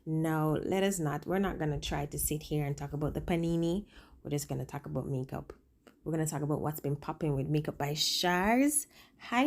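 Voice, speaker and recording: A woman with a low-pitched voice talks casually through a makeup tutorial, speaking with a swollen lip. She is chatty and informal, drifts into little asides and leans hard on her favourite words for emphasis. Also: mellow. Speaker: makeup vlogger and working makeup artist.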